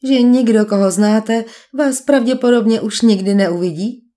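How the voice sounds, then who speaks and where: A woman's voice: fairly high pitch, warm tone, lightly acted. A woman voicing a suave male villain posing as a duke, speaking with polite, mocking menace in an audiobook. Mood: gloating. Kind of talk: audiobook character voice.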